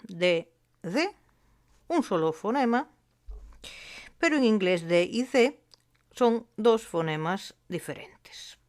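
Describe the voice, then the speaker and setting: Slow, deliberate woman teaching. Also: on the high side, lively intonation, darkish tone. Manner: slow and deliberate, spelling out sounds with pauses. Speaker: language teacher. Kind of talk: explanatory phonetics lesson.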